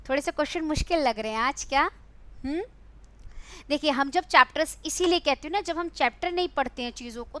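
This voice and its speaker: A young woman with a high, bright voice leads an online exam-prep class. She quizzes her students one question at a time and coaxes them along with a fond, teacherly warmth. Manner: coaxing, quizzing students and calling them beta. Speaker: Hindi teacher.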